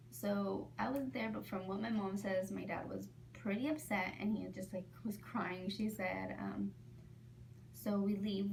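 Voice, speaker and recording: A woman's voice: medium pitch, vocal fry, a little mellow. A young woman in her late teens telling her own story in a casual vlog. She talks chattily with lots of "um" and "like" and often drops to a near whisper. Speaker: vlogger. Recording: distant mic with faint background noise.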